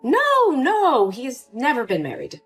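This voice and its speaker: A woman's voice: high voice, wildly swooping pitch, slow, a bit bright, husky, heavily acted. A woman voicing a cold, condescending older mother in a story drama, with faint music behind. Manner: cool, condescending.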